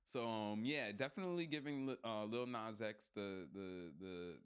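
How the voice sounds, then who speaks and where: A man co-hosting a podcast in casual chat, blunt, profane and animated, joking as he goes. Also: fairly low pitch, moderate pace, clean tone. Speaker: podcast co-host.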